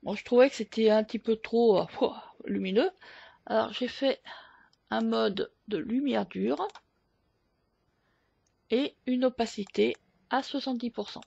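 A woman with a fairly high, gravelly and husky voice walks through a photo editing tutorial. She talks slowly and hesitantly, full of fillers. The recording is dull and lo-fi, with a dry close mic. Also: a little mellow, dry recording. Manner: slow, hesitant step-by-step explaining with many fillers. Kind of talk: screen-recorded software tutorial.

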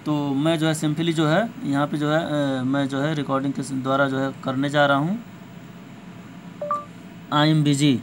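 Walking viewers through phone settings one step at a time, this tutorial host speaks a little slowly in a slightly high voice with little pitch movement, pausing often. His manner is casual, repetitive, and somewhat hesitant, captured in an amateur recording with faint noise behind him.

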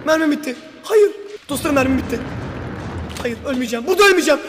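A man giving excited, shouty commentary on a video game, talking straight to his viewers. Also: very high voice, fast, noisy background. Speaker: gaming video creator. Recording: loud music over the commentary.

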